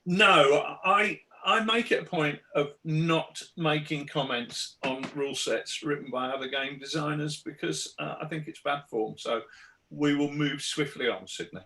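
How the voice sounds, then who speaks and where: A man's voice: on the high side, unhurried, pushed and bright. A man who designs games, chatting on a hobby podcast with blunt, grumbling humour. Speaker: game designer and podcast regular. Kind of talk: casual podcast chat.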